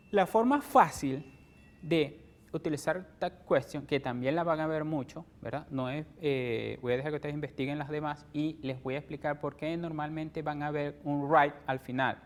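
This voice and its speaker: Venezuelan teacher checking "ok?" constantly. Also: male voice, on the high side. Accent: Venezuelan Spanish. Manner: explains step by step, ends phrases with "¿ok?". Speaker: English teacher. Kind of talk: televised classroom lesson.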